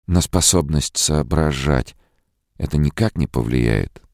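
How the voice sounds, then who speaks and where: Guy doing a scared weepy young woman in an audiobook, pitched up, gravelly, dry close sound. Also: lively intonation, unhurried, a little mellow, dry recording, heavily acted. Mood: anxious. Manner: tearful, rambling, drugged near the end. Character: frightened young woman, fragile, near hysteria.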